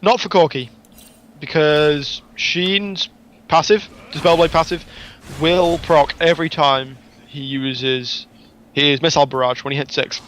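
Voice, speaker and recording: A man giving measured, explanatory color commentary on a video game match. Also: on the high side, fairly even intonation, a bit bright. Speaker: guest co-caster.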